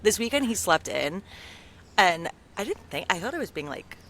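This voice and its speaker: A woman's voice: on the low side, normal speed, slight background noise. Chatty young woman podcast co-host. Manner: chatty, animated storyteller, acts out voices. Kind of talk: casual chat. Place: outdoors with birds and traffic.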